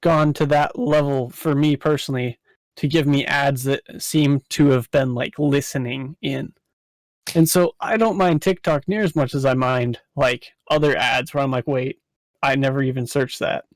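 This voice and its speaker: A man's voice: medium pitch, fairly even intonation, moderate pace, no echo. A man co-hosting a podcast, talking casually in a thoughtful, rambling way with many fillers. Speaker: podcast co-host.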